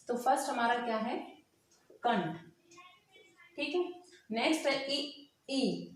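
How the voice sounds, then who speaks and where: A woman teacher giving an exam-prep grammar lesson. She asks her own questions, answers them, and draws vowel sounds out slowly. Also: on the high side. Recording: echoey room.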